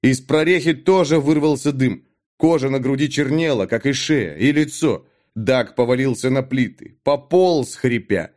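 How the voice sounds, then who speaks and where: A man reading an audiobook story aloud with a dramatic, expressive delivery. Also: medium pitch, normal speed. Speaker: narrator. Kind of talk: audiobook narration.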